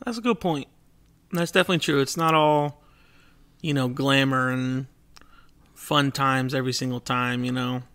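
A man co-hosting a podcast from his couch, his voice bright and forward over a dry, close sound. He jokes around, swears casually, and slips into a mock newscaster tone. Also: mid-range voice, fairly even intonation, normal speed, pauses often, dry recording. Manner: joking, mock newscaster delivery, swears freely. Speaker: podcast co-host. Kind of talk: casual chat. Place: couch at home.

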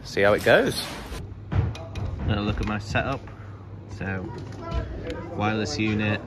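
Over loud music, a man in his twenties gives chatty, jokey vlog narration while touring as a musician, shooting in a van, hotel room and small venue. He speaks unhurriedly in a lowish voice, recorded as noisy handheld phone audio on a phone or camera grip.

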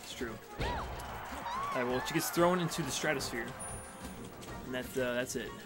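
A man's voice: medium pitch, moderate pace. A young man casually commentating a video game match, joking and rambling, often repeating his words. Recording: music playing behind.

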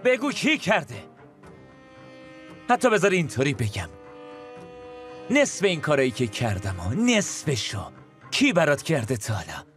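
A bitter young husband, sarcastic and accusing, whose high, lively voice jumps around as he fires question after question. Soft music plays underneath. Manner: sarcastic, accusing, rapid-fire rhetorical questions. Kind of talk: Persian dub of a TV drama.

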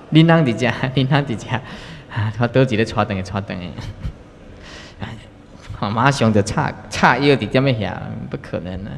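A man, a Buddhist master, giving a folksy, teasing talk on the precepts to retreat participants. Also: vocal fry. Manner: folksy, teasing, chuckling asides, lively swings in pitch. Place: large lecture hall. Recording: long hall reverb.

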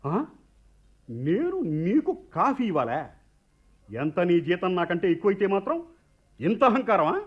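ఒక నటుడు చేసిన గొణుక్కునే భర్త. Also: male voice, sits high, sing-song, unhurried, long pauses, highs cut off, exaggerated voice. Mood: indignant. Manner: mutters asides, mock-subservient. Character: henpecked husband, grumbling and sarcastic. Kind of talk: radio play acting.

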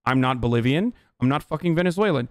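Ranting in a heated livestream, a man in his thirties from Turkey delivers blunt, profane political commentary at a quick, expressive pace. He speaks into a boom-arm studio mic indoors at home, with no echo.

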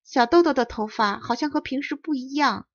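A woman's voice: sits high, brisk. A woman voicing a big, teasing schoolboy in a storybook reading, with a sing-song teasing manner. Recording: dull lo-fi audio.

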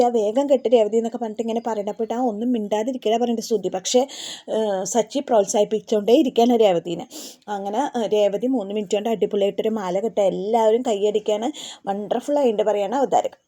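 A woman's voice: mid-range voice, warm tone. A woman casually retelling a TV serial episode, with many hesitation fillers. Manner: rapid storytelling with frequent hesitation fillers. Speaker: serial recap vlogger.

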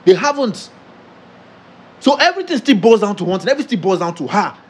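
A man's voice: high-pitched, big pitch swings, fast talker. A man with a Nigerian accent playing an upset, bitter fiancé in a comedy skit. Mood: troubled.

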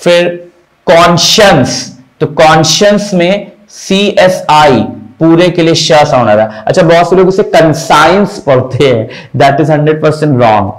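A man teaching English pronunciation in Hindi, slowly repeating each word to drill the sounds. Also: a little high, low-quality recording.

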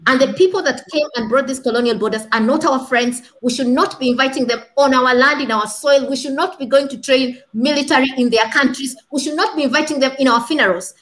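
A woman in her thirties speaks in a high, fairly bright voice, a little fast and with few pauses. She's a panel guest on a video call, giving impassioned commentary full of rhetorical questions and repeated points for emphasis. It's picked up by a laptop webcam in a small indoor room.

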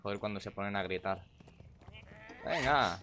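Young man, gaming streamer, low voice, profane chatty asides, faint noise and key clicks. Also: moderate pace, a bit bright. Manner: chatty and profane, muttering to himself and greeting chat viewers. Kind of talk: casual live-stream commentary.

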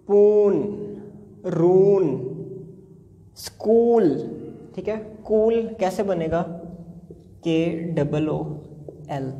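A man with a Punjabi-tinged Urdu accent giving a phonics lesson, spelling words letter by letter and asking his listeners what sound each makes. His voice is dark and mellow. It rings in a long, hall-like reverb. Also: sits high. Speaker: phonics teacher. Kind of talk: classroom lesson.

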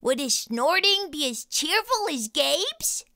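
A woman host reading a children's storybook aloud with animated, expressive delivery. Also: high voice, slow, no room sound, studio quality.

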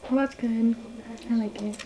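Teenage girl, casual chat, hesitant with fillers, fairly high voice, light background noise. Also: steady tone, normal speed, dark tone, rough recording. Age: teen. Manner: hesitant, filler-heavy, says like and bro. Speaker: guest, host's sibling.

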